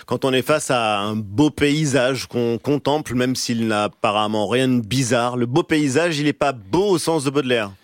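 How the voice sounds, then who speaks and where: A man hosting a live morning radio show in a studio, introducing segments and prompting his guest with brisk follow-up questions. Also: mid-range voice, dry recording.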